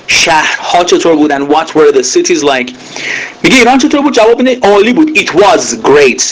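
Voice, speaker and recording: A man teaching English grammar in Persian, saying each English example sentence slowly with many filler pauses. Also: a little high, rough recording. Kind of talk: recorded grammar lesson.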